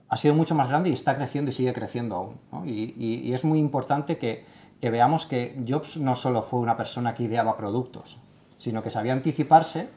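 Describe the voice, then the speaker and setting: An expressive man in his thirties on a studio panel, telling stories with emphasis. He stumbles and restarts often and fills pauses with "eh". His voice sits at a middle pitch. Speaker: tech site writer leading the segment. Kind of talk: casual panel discussion. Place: studio set with sofa.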